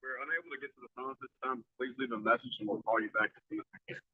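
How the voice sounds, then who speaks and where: A man's voice: medium pitch, fairly even intonation, very fast, husky. A man's recorded voicemail greeting, played back over a landline phone. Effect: heard over a landline phone. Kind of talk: recorded answering-machine message. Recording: tinny, muffled phone line.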